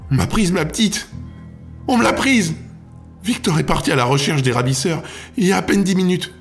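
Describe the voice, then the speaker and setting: A man's voice: high-pitched, lively intonation, fast talker, soft background music, pitched above the performer's own voice. A man voicing a panicked young mother who begs breathlessly for help. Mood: pleading. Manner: frantic, pleading, breathless.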